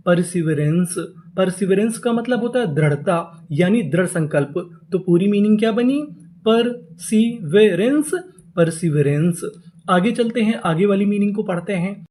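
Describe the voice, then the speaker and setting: Slow, repetitive reading teacher. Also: mid-range voice, a little mellow. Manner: asks a question, then answers it right away; spells words letter by letter and draws them out slowly. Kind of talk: classroom lesson for Hindi speakers.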